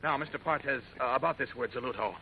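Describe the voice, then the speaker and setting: An actor playing a brisk, decisive newspaper reporter asking questions in 1940s radio style. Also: male voice, medium pitch, lightly acted. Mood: probing, insistent. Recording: muffled old radio, faint noise.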